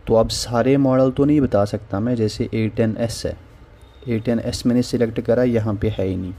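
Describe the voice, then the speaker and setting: In this casual software walkthrough, a man's mid-range voice sounds creaky yet warm, delivered at normal speed with fairly even intonation. He's a phone repair tutorial host doing a voice-over on a screen recording, and "theek hai" keeps popping up as filler between steps.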